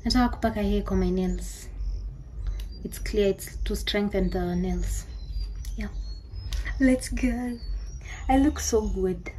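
A young Kenyan-accented woman vlogs to a handheld camera, chatting casually in slangy speech that switches between English and Swahili. Her mid-range voice is warm and a little slow, with frequent pauses, and the noisy recording carries car and room ambience.

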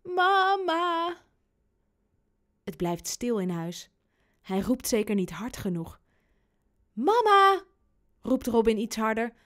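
A woman reading a children's storybook aloud, in an expressive, unhurried storytelling manner. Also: mid-range voice. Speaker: audiobook narrator.

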